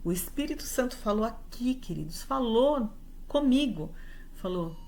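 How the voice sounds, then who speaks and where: A woman's voice: on the high side, animated, unhurried, a little mellow. A woman with a Brazilian Portuguese accent gives a heartfelt sermon testimony at a church service, telling her story with acted-out dialogue. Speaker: church speaker giving a testimony.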